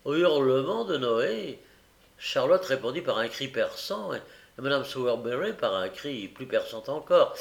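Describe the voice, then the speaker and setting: A man reading a novel aloud as an audiobook, unhurried, with frequent hesitant fillers. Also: medium pitch, very animated, vocal fry. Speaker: audiobook reader.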